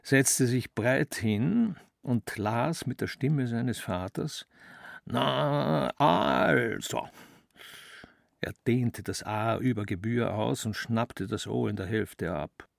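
A man narrating a literary story in a measured, deliberate way. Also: mid-range voice, vocal fry, dry recording, clean studio sound.

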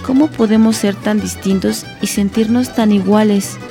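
A woman's voice: medium pitch, fairly even intonation, normal speed, over music, pitched above the performer's own voice, lightly acted. A woman voicing a thoughtful, curious little bird in a storybook reading, chirpy and musing.

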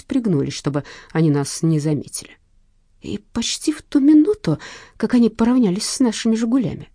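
Expressive, mellow woman narrating an audiobook. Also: medium pitch, no echo, clean studio sound. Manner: expressive storytelling. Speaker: audiobook reader. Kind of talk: first-person audiobook narration.

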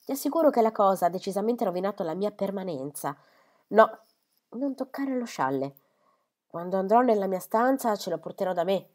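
A woman's voice: medium pitch, lively intonation, brisk, darkish tone, close to an everyday voice. A woman reading a novel aloud, voicing a fretful, self-pitying middle-aged mother who scolds her daughter. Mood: reproachful. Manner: complaining, reproachful.

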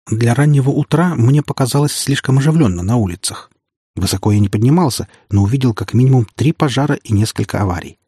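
Low husky male audiobook narrator. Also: mellow, no room sound, clean studio sound. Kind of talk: first-person audiobook narration.

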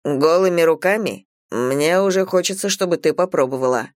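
A woman voicing an arrogant male god in an audiobook, speaking slowly and low with a mocking, teasing edge. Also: no echo, studio quality, close to an everyday voice. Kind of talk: audiobook character voice.

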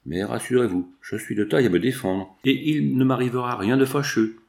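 A man reading the part of a shrewd gentleman investigator who reasons things out calmly. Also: medium pitch, fairly quick, creaky, lightly acted.

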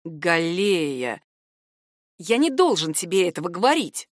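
A woman doing a calm male AI assistant. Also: on the low side, no room sound, studio quality, pitched below the performer's own voice. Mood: calm, insistent. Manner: measured, soothing, slow.

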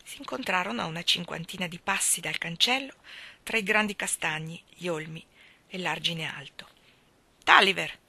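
A woman with an Italian accent reading a classic novel aloud, in an expressive, dramatic way. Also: on the low side, moderate pace, husky. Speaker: audiobook reader. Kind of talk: literary audiobook narration.

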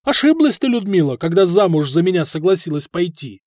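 A man's voice: on the high side, expressive, normal speed, no room sound, clean studio sound. Man playing a stern, cold prince. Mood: loud, cutting. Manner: firm, cold, growing loud and cutting. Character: stern, cold middle-aged prince, stubborn ruler.

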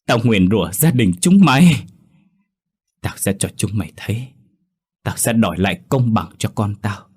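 A man's voice: fairly low pitch, normal speed, slightly rough. A man voicing an old mother who wails over her daughter and then swears revenge, in a narrated ghost story. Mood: vengeful cursing. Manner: wailing, then cursing in fury. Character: grieving old mother, frantic then vengeful.

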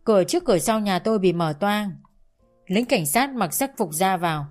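A woman's voice: medium pitch, expressive, moderate pace, a little mellow, faint music behind. Woman narrating a dramatic story. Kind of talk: first-person story narration.

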